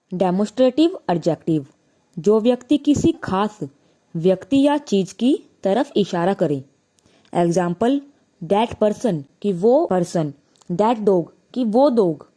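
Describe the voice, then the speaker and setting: A woman teaching a grammar lesson, slowly explaining and asking and answering her own questions. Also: medium pitch, mellow.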